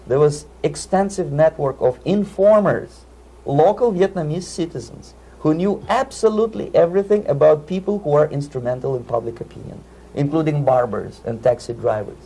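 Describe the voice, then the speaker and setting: A man's voice: on the high side, normal speed, mellow, slightly rough. A man from the Soviet Union with a Russian accent, giving earnest, lecturing answers in an interview and often repeating words as he searches for them. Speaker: interview guest.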